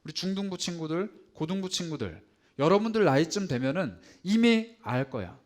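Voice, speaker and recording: A male pastor preaching a sermon to teenagers and young adults, swinging between loud emphasis and soft asides. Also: a little high, expressive, moderate pace. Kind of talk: sermon to youth.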